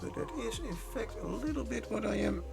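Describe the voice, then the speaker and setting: Gravelly, lively man rambling while painting. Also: high voice, a little fast, over music. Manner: rambling, self-correcting, jokey asides. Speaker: miniature painting streamer. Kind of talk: casual live-stream painting commentary. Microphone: desk microphone.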